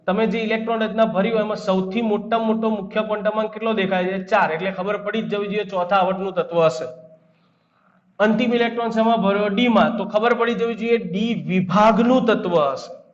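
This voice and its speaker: High-voiced Gujarati man teaching chemistry. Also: steady tone, a little fast. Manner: quizzing students, answering his own questions. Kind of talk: classroom lecture. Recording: echoey room, dull lo-fi sound.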